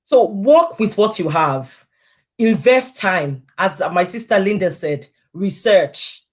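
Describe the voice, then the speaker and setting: A woman with a medium-pitched, animated voice speaks slowly as a guest in a casual, informal interview. She recounts her experiences with animation, acting out quoted conversations in the voices of the people involved.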